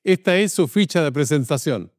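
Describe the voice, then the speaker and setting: An older Chilean man hosting a broadcast interview, measured and formal in his presenter delivery. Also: on the high side, animated. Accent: Chilean Spanish. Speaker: interview host.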